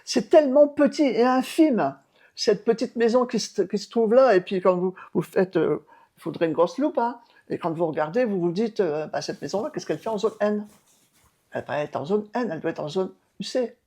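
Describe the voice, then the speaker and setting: Speaking in a brisk, animated way with a warm, medium-pitched voice, this French mayor in her seventies, about to leave office, fields questions on local TV. She's emphatic, though she often hesitates and starts over.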